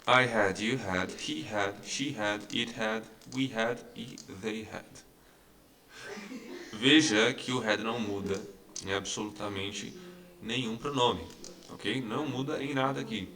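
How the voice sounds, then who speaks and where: A teacher walks his students through English grammar, his low, gravelly voice carrying a bright, forceful edge. He repeats each example slowly and keeps checking that everyone follows. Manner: explains patiently, repeating examples with many "tá?" and "né?" checks. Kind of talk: recorded online lesson.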